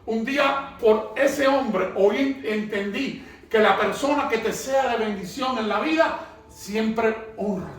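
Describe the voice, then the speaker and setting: A man's voice: high voice, takes it slowly. A middle-aged man from Cuba, preaching a sermon and calling on the congregation to repeat phrases after him. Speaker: pastor. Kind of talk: sermon with call-and-response. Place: church hall. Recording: echoey hall, voice far from mic.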